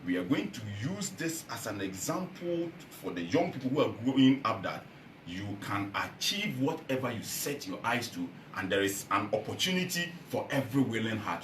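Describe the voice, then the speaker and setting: A man with a Ghanaian accent giving a rousing political speech to a meeting, swinging from loud calls to low earnest tones. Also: big pitch swings, normal speed, roomy sound, slight background noise. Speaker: party founder addressing a meeting.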